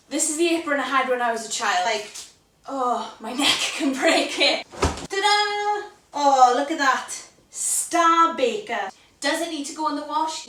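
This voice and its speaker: A woman's voice: sits high, fairly bright tone. A young Welsh woman hosting a casual cooking video from her home kitchen, chatty and playful as she teaches Welsh words. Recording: roomy kitchen, mic at a distance.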